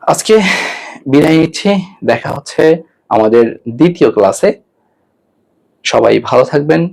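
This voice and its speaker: A man's voice: fairly high pitch, animated, normal speed, creaky, darkish tone. A man teaching an online Quran lesson, patiently giving step-by-step mouth instructions and repeating each letter sound three times.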